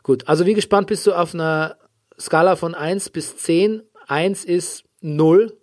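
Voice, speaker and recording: A man with a slightly high voice hosts a casual podcast chat. He rambles and jokes, stretching out his hesitations as he recaps. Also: unhurried, darkish tone. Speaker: podcast host.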